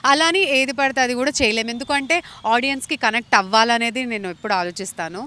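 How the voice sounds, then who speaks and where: Talking fast in a high, sharp, clean voice, a young Indian actress earnestly answers interview questions. English phrases are woven throughout her replies.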